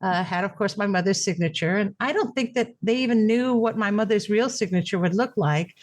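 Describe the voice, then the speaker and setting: Speaking briskly at a medium pitch, a middle-aged caregiver whose first language was Japanese appears as a guest on a podcast. In this reflective, conversational interview she recounts her caregiving experience, often using fillers and starting sentences over. The recording has no echo.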